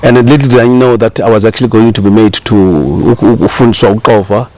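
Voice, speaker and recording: A middle-aged South African chef with a fairly low voice tells his story as an interview guest, loose and rambling. Relaxed and unhurried, he circles back often with lots of fillers and restarts in casual talk, and the recording is rough.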